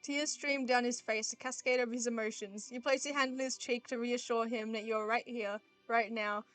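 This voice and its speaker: A woman streamer with a fairly high voice reads a dating game aloud and reacts with gushing, excitable outbursts. She flips between narrating and squealing, with faint music under her voice. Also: normal speed. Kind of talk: live game playthrough with reading aloud.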